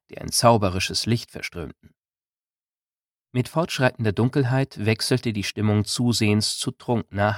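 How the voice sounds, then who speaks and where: A man narrates a novel in a calm, measured way. His voice sits on the low side. The sound is dry and close, with no room around it. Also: no room sound. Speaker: audiobook narrator. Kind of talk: scripted narration.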